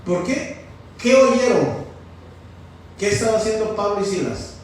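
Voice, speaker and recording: A high-voiced man preaches a sermon in a church hall, constantly quizzing his listeners and repeating "fíjese". He is heard from far off, with heavy echo and faint ambient noise. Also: big pitch swings, unhurried. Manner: questioning the congregation, repeating "fíjese". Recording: very echoey, from far off.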